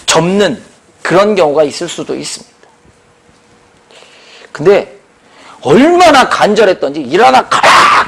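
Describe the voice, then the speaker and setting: Animated, husky-voiced Korean pastor preaching. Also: male voice, sits high. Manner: animated preaching, acts out quoted voices, sudden shouts and drops to near whisper. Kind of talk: sermon. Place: prayer retreat hall.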